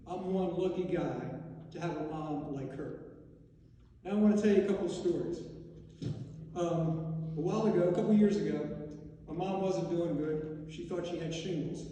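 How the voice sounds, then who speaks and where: A man's voice: a little high, normal speed, pauses often, dark tone, slight background noise. A middle-aged man giving a eulogy for his mother, telling anecdotes and joking with the audience in a large church. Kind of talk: humorous eulogy storytelling. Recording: echoey church hall from far off.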